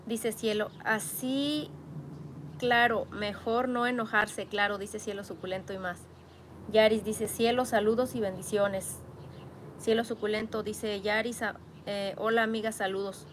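A woman's voice: a little high, a bit bright, slight background noise. A woman hosting a casual live stream, reading viewers' comments aloud and teasing them playfully. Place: home garden workspace.

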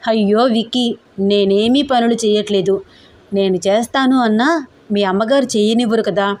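Woman reading as a sweet young college girl, soft and pleading, mid-pitched voice, caring girlfriend on a call. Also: moderate pace, natural voice. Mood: affectionate. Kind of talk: audio story reading.

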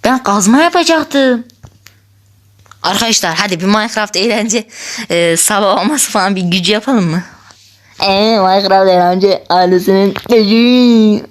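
A woman gives casual commentary over a block-building game, chatty and quick to laugh. She talks straight to her viewers at a middle pitch, jumping between excitement and playful grumbling. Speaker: gaming channel host.

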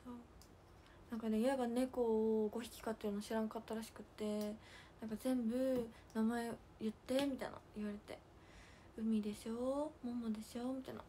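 A young woman with a hosts a relaxed livestream, chatting and giggling over stories and reading out fan comments. Her voice sits a little high. She slips into soft, breathy near-whispers to thank viewers, over a faint hiss behind her. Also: moderate pace. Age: young adult. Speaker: idol livestream host.

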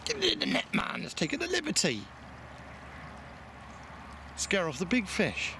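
A man's voice: high voice, wildly swooping pitch, normal speed, vocal fry. Man teasing his friend outdoors. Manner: joking, teasing, swears freely. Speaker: angler filming his friend. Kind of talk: casual banter while filming. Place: lakeside outdoors. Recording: outdoor ambience and water noise.

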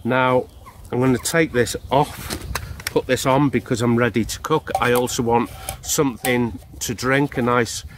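A man's voice: mid-range voice, steady tone, a little slow, slight background noise. A man in his fifties, outdoors in a wood, chattily explaining his camping stove gear to a close handheld camera. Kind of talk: casual product demonstration. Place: woodland outdoors beside a hammock.

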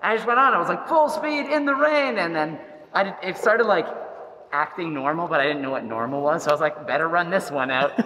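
Male, animated self-deprecating anecdote, echoey warehouse. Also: a little high, a little fast, slight background noise. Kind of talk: casual storytelling. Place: large empty factory hall. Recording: echoey empty hall.

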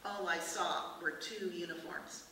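A woman author reading aloud from her novel at a book festival, in measured, expressive narration. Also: fairly low pitch, gravelly. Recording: echoey room from far off, hiss.

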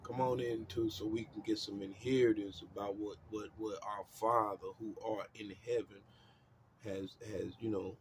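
A man hosting a discussion show, talking casually about scripture and history in a loose, repetitive way that turns loud and emphatic. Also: on the low side, level tone, moderate pace, a little hiss or hum. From United States. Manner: loose and repetitive, urging listeners in with refrains like "come on in, man"; grows loud and emphatic when telling history. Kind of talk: casual religious discussion monologue.

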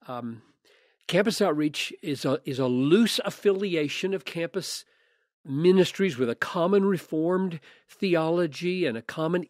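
An older man, a pastor, gives a measured, earnest answer to a listener's question, often restarting phrases. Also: on the high side, no echo, clean studio sound. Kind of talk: thoughtful podcast answer.

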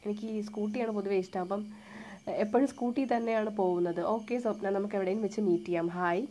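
A young woman with a Thiruvananthapuram Malayalam accent, chatting live and answering viewer comments in a soft, hushed voice with English words mixed in. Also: medium pitch, fairly even intonation, fast talker, lo-fi sound, a little hiss or hum. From Kerala, India. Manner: soft-spoken, quiet, almost hushed; mixes English words into her talk.

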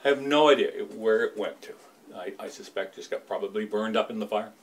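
A Canadian man in his fifties, a lighthouse keeper's son, calmly explaining and reminiscing in a small indoor room. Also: lowish voice, slight background noise. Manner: measured, explanatory. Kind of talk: casual demonstration and reminiscence.

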